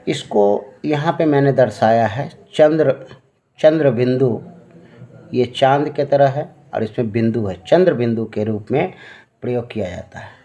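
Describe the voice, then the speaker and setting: A man gives a grammar lesson to children in an unhurried, patient way. His voice sits at an ordinary middle pitch, and he drags out each point slowly. He keeps filling the gaps with soft hums and little check-ins. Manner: slow, patient, checks in with "है ना?" and fillers. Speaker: Hindi grammar teacher. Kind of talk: classroom lesson explaining at a board.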